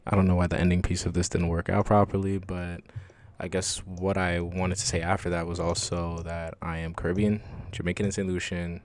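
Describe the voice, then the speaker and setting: A man's voice: sits low, little pitch movement, fairly quick. A man, introducing himself casually in a laid-back, rambling way. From Queens, New York. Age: early 20s. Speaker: podcast host.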